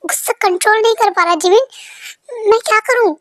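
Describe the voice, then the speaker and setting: A woman's voice: extremely high pitch, a little fast, fairly bright tone, no echo, clean studio sound, voice pushed up. A woman voicing a shy, jealous young man in love, in a fan-dubbed story, pleading and emotional.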